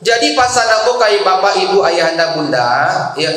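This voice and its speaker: A middle-aged man with a West Sumatran accent giving a lively Ramadan sermon, often asking his congregation questions. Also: high voice, normal speed, a little hiss or hum. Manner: animated, conversational, asks the congregation questions. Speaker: preacher. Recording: very echoey hall.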